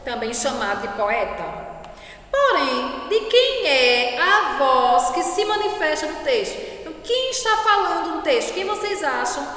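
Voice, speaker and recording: A woman's voice: high voice, fairly bright tone. A woman teacher giving a classroom lesson, patiently asking the class many questions. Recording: very echoey room with long reverb.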